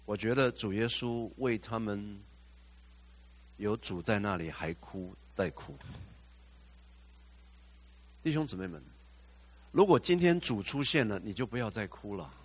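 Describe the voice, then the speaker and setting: A man's voice: fairly low pitch, expressive, measured pace, pauses often, slightly rough. A male pastor preaching a sermon, putting questions to the congregation, slipping in English phrases and rising to fervent exclamations.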